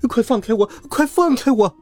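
A scheming woman trafficker, as a male storyteller puts her on, her voice swooping high and low and leaning soft and dark in tone. Her coaxing is sugary and her fear comes out as a shriek. It is a dry, close storybook recording with a little music behind. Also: huge pitch swings, takes it slowly, breathy edge, dry recording, exaggerated voice. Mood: panicked. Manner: coaxing sing-song, then shrieking in fear. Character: sly female child trafficker, shrill and panicky.

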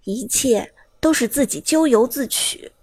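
A woman reading a novel aloud in steady, scripted storytelling narration. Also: high-pitched, a little slow, husky, dry recording. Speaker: audiobook narrator.

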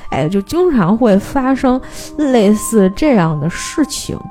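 A woman hosts a film podcast. She retells a movie plot in a casual, animated way and acts out the characters' lines. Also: on the high side, unhurried, faint music behind.

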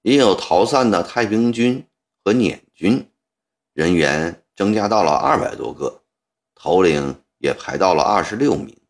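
A man's voice: deep voice, expressive, measured pace. A man narrating a historical novel as a storyteller, voicing the characters' dialogue as he goes.

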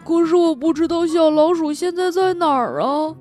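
A woman's voice: very high-pitched, moderate pace, faint music behind, pitched above the performer's own voice. A woman voicing an anxious little male gnome who swings from tearful to eager in a children's storybook. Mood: excited. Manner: loud, emphatic, fretful. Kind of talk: storybook read-aloud for children.

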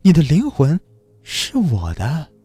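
A man's voice: on the high side, huge pitch swings, slow pace, dark tone, breathy edge, no room sound, clean studio sound, pitched above the performer's own voice, full character voice. A man putting on a cold mocking female demon. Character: cruel soul-stealing female demon.

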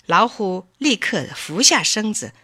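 Slow, bright-voiced woman storyteller. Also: mid-range voice, no room sound, studio quality. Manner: clear, expressive, unhurried. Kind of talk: storybook narration.

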